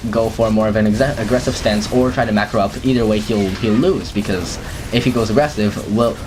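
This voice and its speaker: A man's voice: on the low side, brisk, noisy background. A young man giving casual commentary over his own gameplay, stumbling and restarting often with many fillers.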